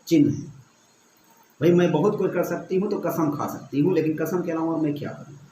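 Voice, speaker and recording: A man's voice: a little high, brisk, mellow, roomy sound, a little hiss or hum, low-quality recording. A male teacher reading lines of a Hindi poem aloud and explaining each one, repeating phrases as he goes. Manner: reads verse lines then paraphrases them, repeating phrases.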